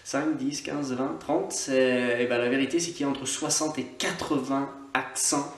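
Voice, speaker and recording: A man's voice: mid-range voice, steady tone, normal speed, echoey room. A man from Scotland, an online English teacher, giving a chatty video lesson and drilling words by repetition. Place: on holiday, away from usual setting.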